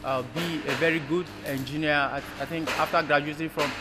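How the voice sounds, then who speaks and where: A man in his thirties, a student, answering interview questions slowly and hesitantly with fillers. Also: on the high side, fairly even intonation. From Nigeria. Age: 30s. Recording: music bed underneath.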